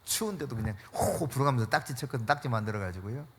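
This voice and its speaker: A man preaching a sermon as pastor, telling stories in an animated way with frequent laughter and dropping to a hushed voice for emphasis. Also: racing. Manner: drops to a hushed low voice for emphasis.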